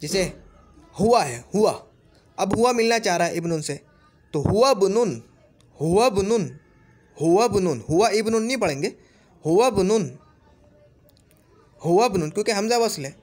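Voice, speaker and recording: A man teaching Arabic grammar in Urdu, repeating each example word slowly and checking in with "theek hai?". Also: high voice, expressive, a little mellow. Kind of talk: explaining a grammar lesson.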